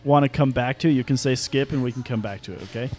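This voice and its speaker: A man's voice: mid-range voice, fast, darkish tone, soft background music. A man hosting a casual sports podcast, talking loosely and joking, often tripping over his words. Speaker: podcast host.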